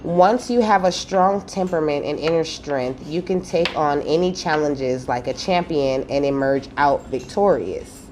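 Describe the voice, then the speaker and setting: Woman, low voice, casual card reading, swears, faint background hum. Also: unhurried, few pauses, darkish tone. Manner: casual, swears freely, says okay often. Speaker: spiritual card reader.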